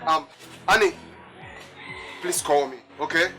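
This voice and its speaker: A man's voice: a little high, measured pace, sharp tone. A man playing a heartbroken young man who pleads with his lover, over background music. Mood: pleading. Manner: pleading, emotional. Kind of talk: Nollywood drama acting.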